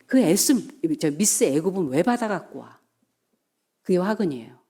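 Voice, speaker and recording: A middle-aged woman pastor preaching a sermon, telling the story in a lively way and acting out the voices of its people. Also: fairly low pitch, moderate pace, husky. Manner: animated storytelling, acts out quoted voices.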